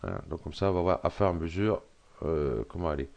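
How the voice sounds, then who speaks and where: Middle-aged man, very low voice, hesitant screen-tutorial walkthrough, slightly hoarse throat. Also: a little fast, a little mellow, muffled recording. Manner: hesitant, thinking aloud with many fillers. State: frog in his throat. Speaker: tutorial presenter. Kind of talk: screen-recorded software tutorial.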